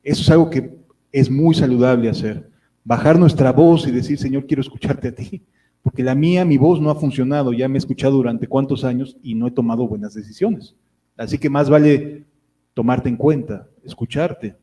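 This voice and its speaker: A man's voice: medium pitch, moderate pace, warm tone, rough recording. A man preaching a sermon, reading Bible verses aloud and explaining them in a conversational way, with fillers.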